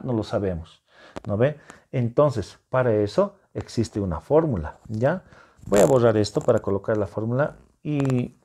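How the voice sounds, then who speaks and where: Working at a classroom whiteboard, this male teacher guides secondary students through math with patience and encouragement. He splits every step into small pieces and keeps asking check-in questions so no one falls behind. His mid-range voice is mellow, warm, and a bit creaky.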